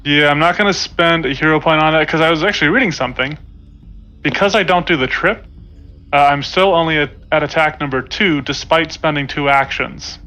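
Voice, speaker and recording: A man with a bright, slightly higher voice playing a tabletop game. He lays out his moves and rules questions step by step in casual talk. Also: brisk, faint music behind, poor audio. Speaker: player.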